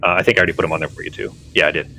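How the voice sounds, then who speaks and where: A man's voice: very deep voice, fairly even intonation, racing, bright, forceful tone, a little hiss or hum, rough recording. A man speaking as game master, casually explaining the rules of a tabletop game.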